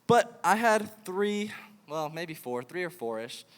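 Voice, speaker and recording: A man's voice: sits high, slow pace. Young man preaching in a reverberant hall. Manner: animated storytelling, acts out the king. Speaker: youth camp speaker. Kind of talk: casual sermon to kids.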